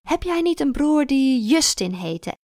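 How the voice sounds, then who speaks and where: A woman voicing an older female kindergarten teacher, tipsy and tearful, who rambles in a high, excitable voice. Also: unhurried, dry recording, clean studio sound. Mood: excited.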